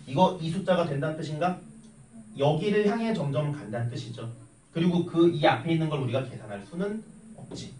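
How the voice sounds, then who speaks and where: A young man lectures on math to a class, swinging from explanation to rambling anecdote with an animated, questioning manner. His slightly high voice rises and falls widely. He is heard from a distance in a roomy, echoing classroom with a faint hiss underneath. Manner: chatty, animated, teasing questions to students. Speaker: math teacher.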